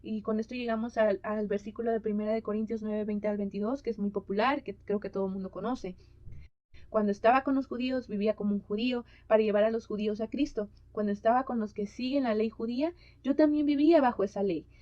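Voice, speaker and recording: A woman's voice: fairly high pitch, steady tone, fast, no echo. A woman giving a conference talk on mission and culture, hesitant with many fillers as she reads Bible passages aloud. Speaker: conference speaker. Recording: dull lo-fi sound.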